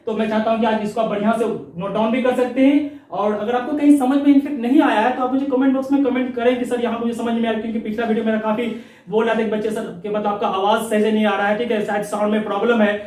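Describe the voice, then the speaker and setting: A man's voice: very high-pitched, little pitch movement, fast talker, a little mellow. A man teaching English pronunciation in an online lesson, explaining step by step and answering his own questions. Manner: explains step by step, repeats words, asks and answers himself. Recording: very echoey room, voice far from the mic.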